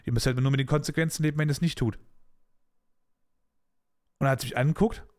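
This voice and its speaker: Fast and mid-range in voice, a man on his podcast tells about a clash at work he was part of. He's blunt and animated, keeping things colloquial and casual, with asides thrown in.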